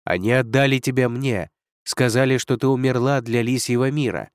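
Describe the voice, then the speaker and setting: A man's voice: mid-range voice, steady tone, moderate pace, no echo, studio quality, lightly acted. A man reading an audiobook, voicing a proud male dragon lord who speaks coldly and curtly. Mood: stern. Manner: cold, curt, commanding.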